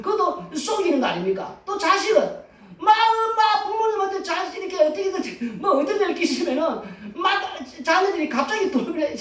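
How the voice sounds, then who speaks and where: A woman pastor preaching a Sunday sermon, animated and laughing often as she acts out everyday voices. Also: high voice. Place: church sanctuary. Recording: roomy echo from a distant mic.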